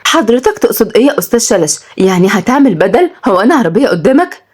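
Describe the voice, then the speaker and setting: Woman plays a shy, flirty Egyptian grandmother, raised and soft. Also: fairly high pitch, big pitch swings, quick pace, breathy edge, pitched above the performer's own voice. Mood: coy. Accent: Egyptian Arabic. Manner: soft, coy.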